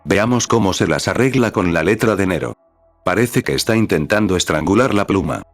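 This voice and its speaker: A man's voice: low-pitched, animated, brisk, no room sound, faint music behind. A man voicing a wry, unbothered young male professor who teases dryly, in a storybook reading. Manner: dry and teasing.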